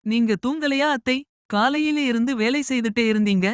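A man doing a shy, soft-spoken young bride. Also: very high-pitched, moderate pace, clean tone, dry recording, clean studio sound, pitched above the performer's own voice. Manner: soft, hesitant, tearful.

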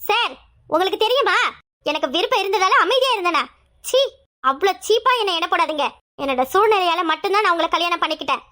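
A woman's voice: very high voice, animated, quick pace, exaggerated voice. A woman voicing a proud, defiant young wife in a cartoon drama, answering back indignantly. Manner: indignant, sharp retorts.

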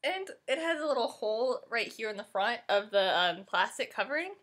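A young woman chatting excitedly to her camera at home while unboxing a music album. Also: fairly high pitch, normal speed. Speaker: vlogger. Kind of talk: casual unboxing chat.

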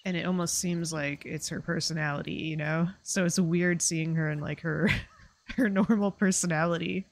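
A woman's voice: lowish voice, fairly even intonation, normal speed. A woman streamer chatting casually and rambling with lots of fillers while playing a game. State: hiccups. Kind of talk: casual gameplay commentary.

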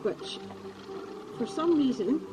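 A woman's voice: high-pitched, expressive, slow, over music. A young Scottish woman chatting casually to camera in a vlog, gushing and full of fillers. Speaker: travel vlogger. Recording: dull lo-fi sound with clear background noise.

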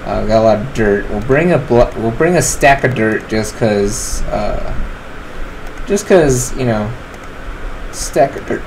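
This gaming channel host, a man of twenty, rambles easily through his gameplay commentary, filling pauses as he decides what to craft. His mid-range voice is unhurried, and the rough recording carries slight background noise.

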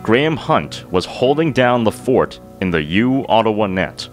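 Male narrator, low and animated, calm scripted read, guitar bed. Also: measured pace. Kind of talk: scripted sports documentary narration. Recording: voice-over with guitar music behind.

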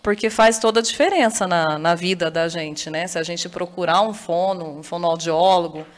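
A Brazilian woman hosting a TV interview, enthusiastic and quick to chime in with agreement. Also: fairly low pitch. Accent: Brazilian Portuguese. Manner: enthusiastic, frequent affirming interjections. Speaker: TV interview host. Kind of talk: TV studio interview.

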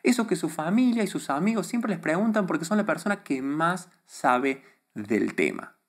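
A YouTube creator in his thirties from Argentina, with a neutralized Argentine Spanish accent, gives confident, emphatic advice straight to camera while gesturing a lot with his hands. His voice is fairly high with vocal fry, and he sits at a desk microphone in a small studio before a plain grey backdrop.

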